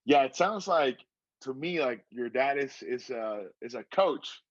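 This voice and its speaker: A man's voice: mid-range voice, lively intonation, measured pace, no room sound. A man hosting a casual interview, asking long, winding questions. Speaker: interviewer and show host. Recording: slightly dull, dry lo-fi sound.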